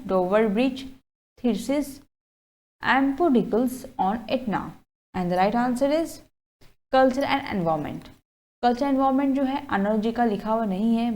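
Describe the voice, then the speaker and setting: Indian woman, exam tutor. Unhurried, fairly high voice, keeps checking students follow. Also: darkish tone. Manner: explains slowly, keeps checking in with "ठीक है?". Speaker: teacher. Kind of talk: exam-prep lecture mixing Hindi and English. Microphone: lapel mic.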